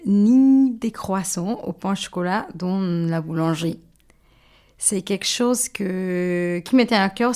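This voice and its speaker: A woman's voice: mid-range voice, a little mellow. A woman, a guest baker talking casually in an interview, often searching for words and restarting. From Mexico. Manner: searching for words, many small fillers and restarts.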